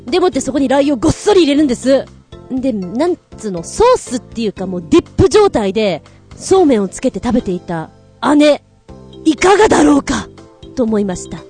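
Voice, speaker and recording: A woman's voice: fairly high pitch, fast, soft background music. A woman co-hosting a show in casual chat, telling stories playfully with giggles and exaggerated voices for quoted lines. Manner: animated, playful storytelling with giggles. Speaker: radio show co-host.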